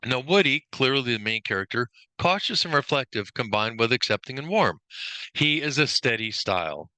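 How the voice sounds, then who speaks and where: Man with a sharp, bright voice listing traits. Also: medium pitch, big pitch swings, normal speed, no room sound. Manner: rattles off lists of traits; brief self-corrections. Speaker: workplace trainer. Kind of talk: informal training lesson.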